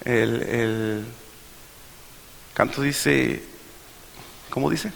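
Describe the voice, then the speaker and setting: A man's voice: mid-range voice, very slow, vocal fry, fairly bright tone, long reverb tail, a little hiss or hum. A man preaching a sermon to his congregation, emphatic and full of rhetorical questions. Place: church.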